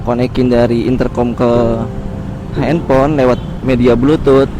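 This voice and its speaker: Riding a motorbike through city streets, this man speaks to his viewers in a flat, unhurried, medium-pitched voice with a Jakarta Indonesian accent. His vlog chat is casual and slangy, set against music and the noise of road traffic.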